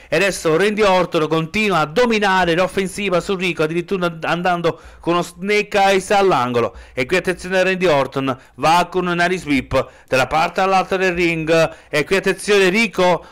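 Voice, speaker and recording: Clear, higher-pitched man calling wrestling. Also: a bit bright. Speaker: wrestling commentator. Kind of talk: amateur play-by-play wrestling commentary in voice-over.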